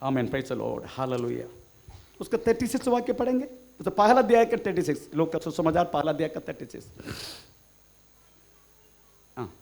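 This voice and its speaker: A man's voice: a little high, big pitch swings, a little fast, gravelly, a little mellow. A man preaching a sermon in Hindi, mixing in English phrases and often calling out "praise the Lord" and "amen". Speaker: pastor.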